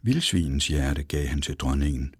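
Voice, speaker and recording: Deep, husky storybook narrator man. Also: dry recording, clean studio sound. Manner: expressive, dramatic.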